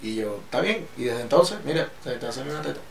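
A young man hosting a casual podcast, joking and teasing with quick asides. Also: medium pitch, vocal fry, a little hiss or hum. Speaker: podcast host. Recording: roomy echo, a little off-mic.

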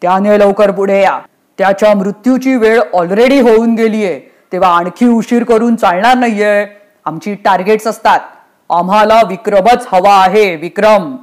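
A reader voicing a pompous, bossy male god of death who talks loudly and gives orders. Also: medium pitch, normal speed, close to an everyday voice. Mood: commanding. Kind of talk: storytelling play reading.

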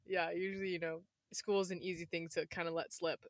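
A woman of about twenty speaks in a fairly low, slightly hoarse voice with very little room sound. She chats casually and wanders, often cutting herself off and restarting her thought. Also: level tone, brisk, no echo, studio quality. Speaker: podcast host. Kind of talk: casual chat.

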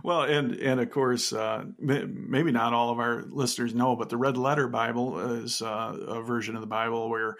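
A man's voice: mid-range voice, fairly even intonation, moderate pace, few pauses, fairly bright tone. A man hosting a podcast in casual chat, chuckling often between remarks. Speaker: podcast host.

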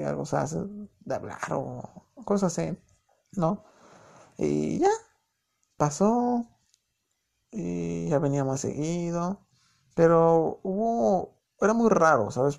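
Gravelly young man with a Mexico City accent. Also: on the high side, a little mellow. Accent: Mexico City Spanish. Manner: chatty, joking, full of slang fillers. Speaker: podcast host. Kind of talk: casual storytelling monologue.

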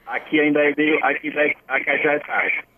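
A man's voice: a little high, fairly even intonation, a little fast, phone-quality sound. Brazilian man on a distant speakerphone call. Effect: speakerphone call, distant and echoey. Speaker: health official interviewed by phone. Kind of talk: phone-in radio interview.

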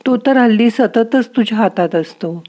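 A woman voicing the narrator's own mind as a gentle, wise inner voice that coaxes and softly scolds. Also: on the high side, moderate pace, voice pushed up, lightly acted. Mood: gently coaxing.

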